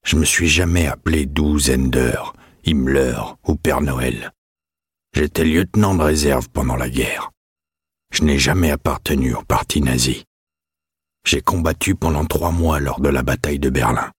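A man voicing a bitter, guarded old former officer in a storybook reading, speaking in measured, cold threats. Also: extremely low pitch, husky, no echo, studio quality, heavily acted. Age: older.

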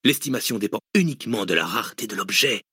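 A male audiobook reader voicing a cynical, deranged hooded villain who lectures mockingly and erupts into shouts. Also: fairly low pitch, animated, fast talker, husky, dry recording, clean studio sound, exaggerated voice. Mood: lecturing. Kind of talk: audiobook reading.

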